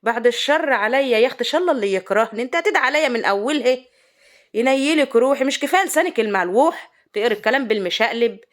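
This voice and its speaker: A woman's voice: on the high side, expressive, racing. A woman with an Egyptian Arabic accent hosting a comic cooking vlog, bantering and quarrelling with herself in colloquial talk. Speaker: cooking vlogger.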